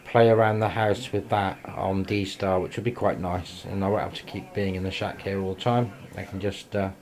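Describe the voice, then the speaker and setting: Low and level in tone, an English man's voice moves at a moderate pace with a darkish quality as he talks informally in a casual amateur radio vlog. He records with a handheld camera inside his small indoor radio shack at home, and faint noise is present.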